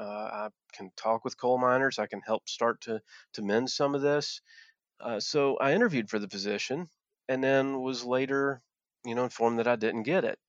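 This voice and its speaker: In a mid-range voice, an Appalachian man from southwest Virginia who once mined coal answers interview questions with sincerity. He frequently starts over and repeats words. The sound is dull, dry and lo-fi, with no room sound.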